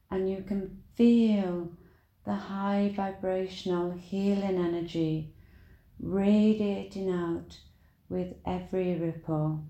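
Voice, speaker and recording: A woman leading a guided meditation in a soothing, deliberate manner, with long pauses between short phrases. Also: medium pitch, mellow, echoey room, highs cut off.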